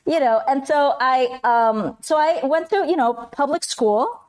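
Chatty woman, smooth clear voice. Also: high-pitched, unhurried. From Colombia, raised in Miami. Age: 40s. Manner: chatty, warm storyteller, switches into Spanish phrases. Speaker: podcast guest. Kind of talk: casual interview chat.

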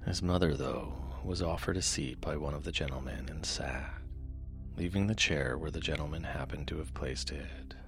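Very deep, creaky male sleep story narrator. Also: normal speed. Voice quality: soft, low, gravelly. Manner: hushed and calming, often trailing into breathy near-whisper. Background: music.

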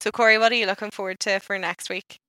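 A woman with a Northern Irish accent co-hosting a podcast, talking in a chatty, animated and informal way. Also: mid-range voice, fast, dry recording. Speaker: podcast co-host. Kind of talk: casual podcast chat.

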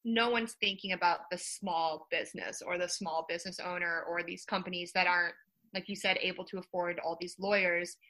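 Female co-host, bright tense tone, wry casual podcast chatter. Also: fairly low pitch, steady tone, fairly quick, low-quality recording.

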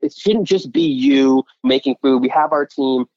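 A man who co-owns a restaurant, telling stories in an interview in a lively way and laughing easily. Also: fairly high pitch, unhurried, gravelly, no echo, dull audio. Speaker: restaurant co-owner. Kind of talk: interview storytelling.

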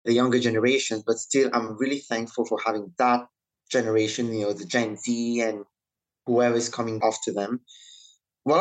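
A man's voice: mid-range voice, rough recording. A man in his thirties from Italy, a non-native English speaker, talking reflectively as a guest in a conversational interview. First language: not English; speaks Italian, French and Mauritian Creole.

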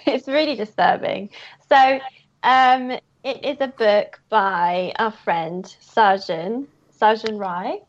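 A woman's voice: medium pitch, takes it slowly, muffled recording. A woman, a comic creator, chatting as a podcast guest and telling stories with laughter and gusto. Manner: animated, laughs often, retells stories with gusto. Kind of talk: casual podcast chat.

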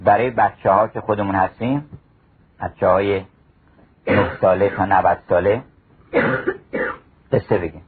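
A man's voice: on the low side, fairly even intonation, long pauses, a little hiss or hum. A man giving a storytelling talk on mystical wisdom, reciting classical verse in a chanting cadence. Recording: phone-like narrow radio recording.

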